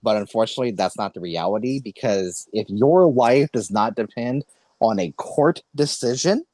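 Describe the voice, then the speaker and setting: A man's voice: lowish voice, expressive, moderate pace, a little mellow, dry recording. A man in his late twenties hosting a podcast, talking in an earnest, rambling way and correcting himself often. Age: 20s. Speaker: podcast host. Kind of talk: casual podcast conversation.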